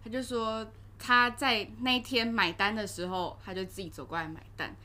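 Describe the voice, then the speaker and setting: A young woman with a Taiwanese Mandarin accent, co-hosting a podcast in casual chat and telling animated stories with frequent laughter. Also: mid-range voice, moderate pace. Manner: animated storytelling, often breaks into laughter. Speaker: podcast co-host.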